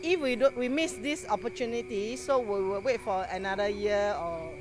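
A woman from Singapore, speaking in an unhurried way and searching for words in a vox pop interview. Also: mid-range voice. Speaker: festival-goer. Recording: music playing behind.

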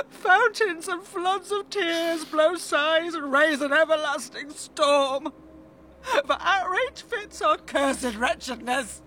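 A woman's voice: on the high side, lively intonation, takes it slowly, pauses often, pushed and bright, a little hiss or hum, full character voice. An actress playing a grieving mother who laments her murdered son in tearful classical verse. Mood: lamenting.

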